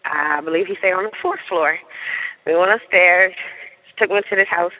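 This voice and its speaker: Animated woman in her thirties, lo-fi. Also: on the low side, moderate pace. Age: 30s. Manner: animated, laughs often, acts out quotes. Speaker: interviewee. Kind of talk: casual storytelling.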